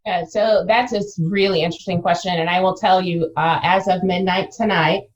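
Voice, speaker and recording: A middle-aged woman gives casual interview answers as a business owner. Her voice sits a little low, and the recording is slightly dull. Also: steady tone, normal speed.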